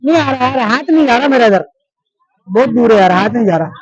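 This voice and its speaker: Walking through a busy indoor livestock expo hall, a male vlogger from Pakistan chats casually, repeats himself and jokes with the animals and people passing by. He talks fast in a very high, animated voice. The highs are cut off.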